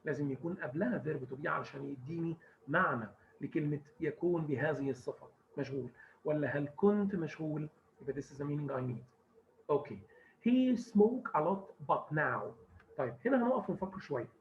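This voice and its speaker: A man with an Egyptian Arabic accent teaching English grammar and mixing English terms into his explanations. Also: fairly high pitch. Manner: explains step by step, stresses words carefully. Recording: muffled lo-fi recording with faint hiss.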